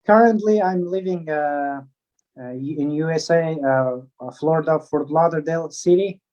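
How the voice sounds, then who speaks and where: An Afghan swimmer gives interview answers hesitantly, halting with many fillers and restarts and non-native phrasing. His voice is fairly high and mellow, and the recording sounds dull and lo-fi.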